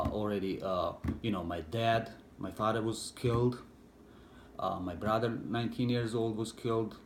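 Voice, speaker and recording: Middle-aged man, Bosnian accent, non-native English, halting, filler-heavy, echoey room, faint noise. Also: lowish voice. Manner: halting, many fillers and restarts, broken English. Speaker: interviewee, war veteran. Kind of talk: personal recollection, hesitant.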